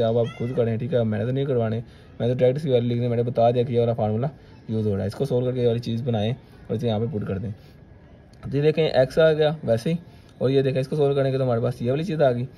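A man's voice: mid-range voice, mellow, a little hiss or hum. A male maths teacher, talking students through each step of a solution and checking in with "theek hai".

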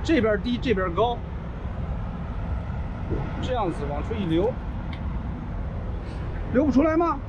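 A man's voice: extremely high pitch, sing-song, a little slow, long pauses, highs cut off, heavy background noise. A middle-aged man from China, a trucker vlogger, bluntly explaining a truck repair step by step and swearing freely, filmed on a body-worn camera in an outdoor truck yard. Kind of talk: casual how-to commentary while repairing. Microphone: body-worn action camera.

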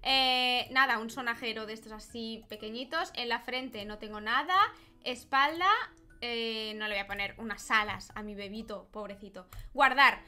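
A woman's voice: fairly high pitch, normal speed, sharp tone. A young woman with a Spanish accent from Spain, commenting casually on a game she is playing at home and squealing over cute things, on a desk microphone with faint game music behind her. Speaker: gaming YouTuber. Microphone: desk microphone with headphones.

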